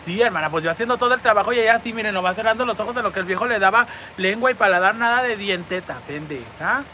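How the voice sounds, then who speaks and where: A woman with a Mexican Spanish accent reads comments from her live-stream viewers and shoots back brassy, campy, foul-mouthed replies in crude chat. She talks quickly in a sharp, mid-range voice into a phone outdoors on a city street, with slight noise in the background.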